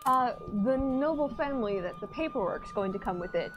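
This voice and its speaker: A woman with a high voice chats casually at the game table, describing what her character does. Faint music plays in the background. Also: lively intonation, fairly quick.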